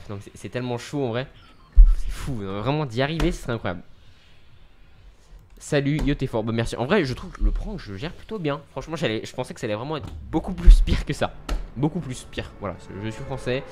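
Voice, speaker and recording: A man's voice: medium pitch, a little hiss or hum. Chatty young man streaming a game. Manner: chatty, self-mocking, thanks viewers constantly. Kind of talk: live game streaming chat.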